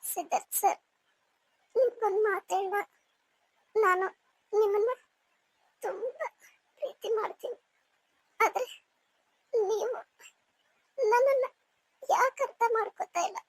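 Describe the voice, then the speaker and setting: A woman's voice: very high voice, fairly even intonation, measured pace, pauses often, dry recording, rough recording. A woman voicing a weak young wife in a cartoon, crying and speaking in broken phrases. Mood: tearful. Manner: faint, broken speech. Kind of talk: cartoon voice acting.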